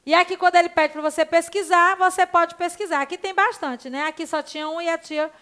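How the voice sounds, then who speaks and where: A woman's voice: very high voice, steady tone, fairly bright tone. A Brazilian woman teaching young children in a recorded lesson, spelling words out and asking short checking questions with patience. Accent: Brazilian Portuguese. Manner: slow, spelling words out letter by letter. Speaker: primary school teacher.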